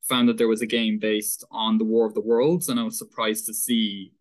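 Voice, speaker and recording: A Dublin-accented Irish man in his twenties, a guest author, tells his story earnestly and thoughtfully in a casual interview. His voice sits on the low side, with flat delivery at a moderate pace.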